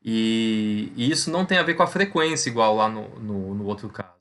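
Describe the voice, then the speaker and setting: A man's voice: lowish voice, lively intonation, brisk, fairly bright tone. A man teaching a recorded physics lesson over slides, speaking conversationally and checking in with his students after almost every point. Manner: explains step by step, repeats key points.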